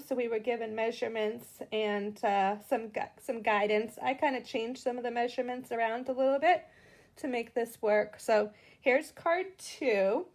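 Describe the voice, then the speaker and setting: Greeting viewers while she works, a middle-aged Bostonian woman talks her way through a live card-making tutorial in a fairly high-pitched voice.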